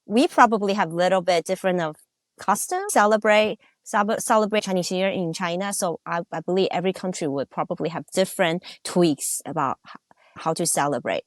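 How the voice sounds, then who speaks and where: A woman's voice: lowish voice, a little fast, dry recording, clean studio sound. A woman from Taiwan, co-hosting a casual podcast chat, chatty, asking questions and drifting into asides. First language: Mandarin. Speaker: podcast co-host.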